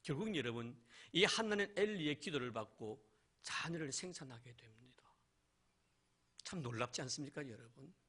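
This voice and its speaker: Bright-voiced male pastor preaching. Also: medium pitch, animated, moderate pace, pauses often, breathy edge. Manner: rhetorical questions, addresses the congregation directly. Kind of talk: sermon. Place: church.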